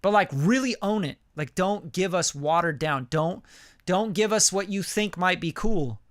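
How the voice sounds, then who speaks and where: A man in his late thirties giving a casual live song critique as a music producer, animated and profane, full of "like" and "you know.". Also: high-pitched, unhurried, no room sound, studio quality. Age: late 30s. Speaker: music producer reviewing listener songs.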